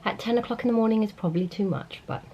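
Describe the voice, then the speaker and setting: A middle-aged beauty vlogger talks to camera about makeup, chatty and enthusiastic despite still being congested from a cold. Her mid-range voice moves fast, and the lo-fi recording carries slight background noise.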